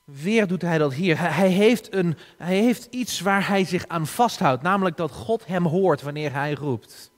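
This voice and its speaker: Male preacher, slightly high voice, deliberate earnest delivery, long reverb of a church hall. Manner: slow, earnest, with frequent restarts and emphatic rises. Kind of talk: sermon.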